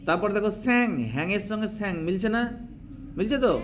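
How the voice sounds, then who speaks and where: Man, Bengali accent, high voice, keeps asking if students follow, faint background noise. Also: quick pace. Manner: explains step by step, keeps checking understanding. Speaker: English teacher. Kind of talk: classroom lecture.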